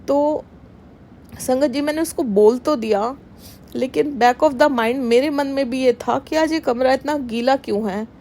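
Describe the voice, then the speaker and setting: Woman, middle-aged, devotional testimony, slow and emotional, slightly high voice, faint background hiss. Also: dark tone. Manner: emotional, earnest, addresses listeners as sangat ji. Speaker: devotional satsang speaker.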